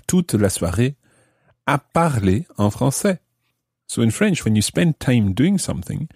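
A man's voice: lowish voice, darkish tone, slightly rough, no room sound, studio quality. A man hosting a podcast grammar lesson, explaining patiently and step by step. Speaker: language teacher.

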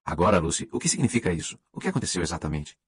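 A composed old country gentleman in an audiobook, read by a man. He speaks in a brisk, practical way with a deep, husky voice. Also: sing-song, full character voice. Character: composed older English gentleman, husband of the house.

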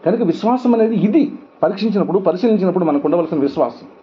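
A man's voice: sits high, lively intonation, rapid-fire. Middle-aged man preaching emphatically, lo-fi. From India. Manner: emphatic preaching, rhetorical questions, acts out quoted voices. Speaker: pastor. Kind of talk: sermon. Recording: dull lo-fi sound with faint noise.

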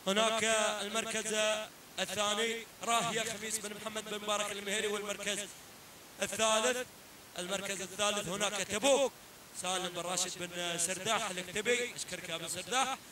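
A man calling a live camel race, excited and urging, repeating his phrases over and over. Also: sits high, fast. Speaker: race commentator. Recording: echoey, distant, faint hiss.

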